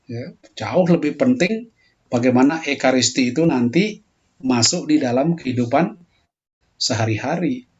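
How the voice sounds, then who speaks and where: A man lecturing calmly in a pastoral theology talk, answering a question, and lifting his voice when he acts out quoted prayers. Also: mid-range voice, normal speed, long pauses, muffled recording. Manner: explains calmly, voicing heated quoted prayers more loudly.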